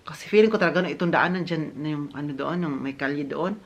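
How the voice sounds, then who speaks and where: Fast-talking man telling a story. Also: fairly high pitch, highs cut off. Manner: animated, addresses viewers as guys, mixes in English. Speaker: vlogger. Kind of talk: casual storytelling to viewers.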